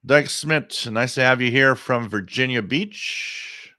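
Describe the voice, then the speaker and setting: Speaking slowly at a medium pitch with a bright, forceful tone, a French Canadian man from Quebec whose native language is French runs a live radio stream. He reads viewer comments and rambles through his opinions, restarting often, in a dry, studio-quality recording.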